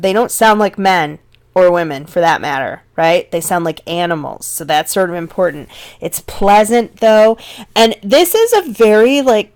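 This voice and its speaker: Conversational woman lecturing on literature. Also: fairly low pitch. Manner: conversational, checks in with "right?". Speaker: literature teacher. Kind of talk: recorded lecture.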